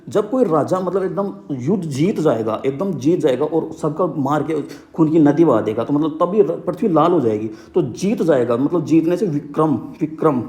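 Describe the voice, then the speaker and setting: A man's voice: a little high, darkish tone. A young man teaching exam book lists in a casual, repetitive way, with memory tricks and frequent check-ins. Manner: repetitive, keeps saying "ठीक है".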